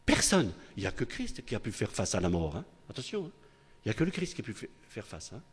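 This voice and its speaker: Husky older man preaching in a hall. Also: lowish voice, huge pitch swings, quick pace. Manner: chatty preaching, many tag questions, restarts. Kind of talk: sermon. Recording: long hall reverb.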